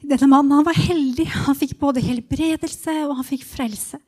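A woman's voice: high-pitched, steady tone, dark tone. A woman preaching to a congregation in an informal, hesitant way, with many fillers. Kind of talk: sermon talk to a congregation.

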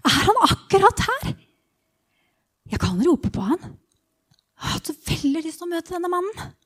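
A woman voicing a blind male beggar who longs to be healed, in a hushed first-person inner monologue that often drops to a whisper, as part of a guided Bible meditation. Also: very high voice, sing-song, pitched above the performer's own voice. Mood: hushed eager.

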